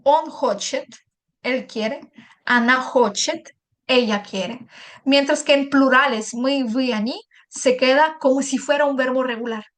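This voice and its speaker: A woman with a high voice teaching a patient, step-by-step language lesson. She repeats and translates each example and checks in with short asides. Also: unhurried, a bit bright. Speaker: Russian teacher.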